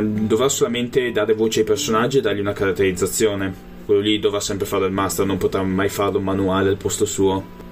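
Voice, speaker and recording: A man answering interview questions casually as a role-playing gamer, hesitating as he searches for words. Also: on the low side. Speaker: interviewed tabletop role-playing player and game master.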